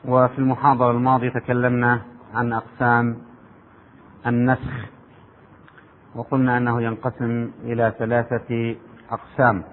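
A man's voice: mid-range voice, monotone, a little hiss or hum. Man lecturing in a reverberant hall. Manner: measured classical Arabic delivery, reciting verses. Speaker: lecturer on Quranic sciences. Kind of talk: formal religious lecture. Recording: phone-like narrow sound with long hall reverb.

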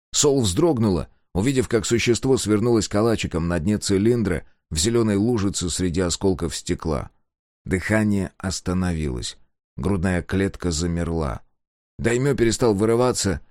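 A man narrating an audiobook in an expressive reading voice. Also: low-pitched, normal speed, no echo, studio quality. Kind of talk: scripted narration.

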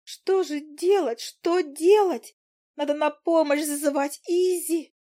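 A woman voicing a tiny, fussy female talking fly that scolds and frets in a shrill voice. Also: slow pace, dark tone. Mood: fretful.

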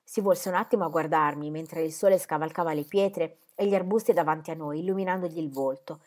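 A woman reads a historical novel aloud in a slightly low voice. Her narration is expressive but even, in a scripted audiobook style. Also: brisk. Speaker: audiobook reader.

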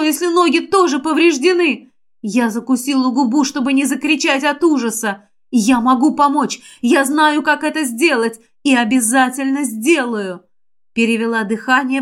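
A woman narrating a first-person fantasy audiobook in an emotional, expressive way. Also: high-pitched. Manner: emotional, expressive reading that rises sharply in distress.

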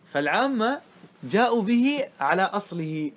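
A man's voice: high-pitched, sing-song, moderate pace. A man teaching a grammar lesson to a class, explaining step by step and often stopping to check that students follow.

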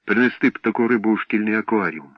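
Male narrator as a soft-spoken, dreamy schoolgirl. Dry, lo-fi sound. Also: fairly low pitch, fast talker, no room sound, lightly acted. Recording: dull dry recording.

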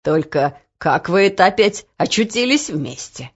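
A kindly old coachman speaks low and gruff, as a woman puts him on. His voice is husky and unhurried. The recording sounds dull and lo-fi. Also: sing-song, full character voice. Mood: good-natured.

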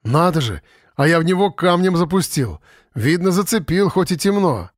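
A man's voice: fairly high pitch, animated, normal speed, no room sound, clean studio sound, pitched above the performer's own voice, close to an everyday voice. Man doing a cocky bespectacled schoolboy. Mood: surprised.

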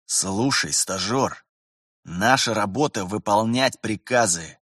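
A gruff, world-weary veteran officer with a low, grumbling voice, as a male narrator puts him on. He speaks in curt, clipped orders and slides into long lectures. The sound is close and dry. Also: slow, fairly bright tone, dry recording, heavily acted. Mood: lecturing.

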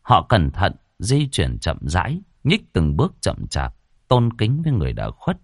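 Lively low-voiced male ghost-story narrator. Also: gravelly, no room sound, studio quality. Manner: dramatic, slows for suspense.

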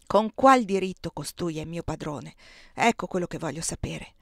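A woman's voice: on the low side, animated, normal speed, vocal fry, a bit bright, no room sound, voice pushed down. A woman reading the part of an enslaved young husband who speaks grimly and bitterly about his master, in a dry, close audiobook recording. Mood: bitter, indignant.

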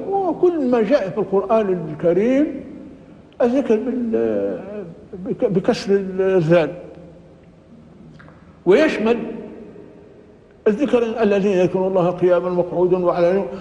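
A man teaching Quran exegesis, explaining terms slowly and carefully with everyday examples. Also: sits high, dark tone. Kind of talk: religious lecture. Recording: echoey hall, dull lo-fi sound.

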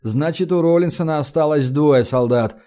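A man voicing a calm, sardonic male operative who speaks in a quiet, dry way. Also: fairly high pitch, normal speed, natural voice.

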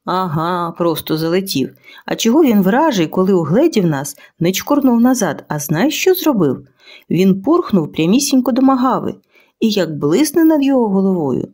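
A woman's voice: medium pitch, sing-song, normal speed, warm tone. A woman voicing a seasoned male cave guard who tells a war tale with boastful liveliness.

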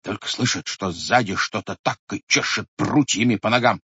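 A man reading an audiobook as scripted narration in an animated storytelling manner. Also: fairly low pitch, normal speed, breathy edge, dry recording, muffled recording. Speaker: audiobook reader.

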